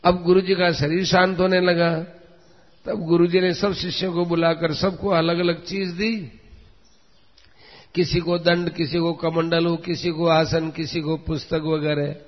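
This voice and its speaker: High-voiced preacher man in an echoing hall. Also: flat delivery, measured pace. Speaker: religious preacher. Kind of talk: devotional discourse with a story. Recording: dull lo-fi recording in a long-reverb hall.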